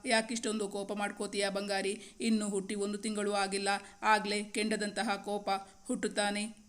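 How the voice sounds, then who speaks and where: A woman voicing an older grandmother in a storybook, affectionate and gently scolding. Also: mid-range voice, monotone, normal speed, natural voice. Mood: fond scolding. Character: older grandmother, fond but fussy.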